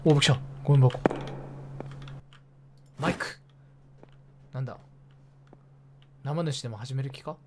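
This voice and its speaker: A man's voice: medium pitch, very noisy. A man streaming a horror game, chatting to himself and yelping with sudden, repeated startled exclamations. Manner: jumpy, easily startled, yelps and rapid repeated exclamations; chatty self-talk narrating his moves. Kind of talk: casual horror game commentary.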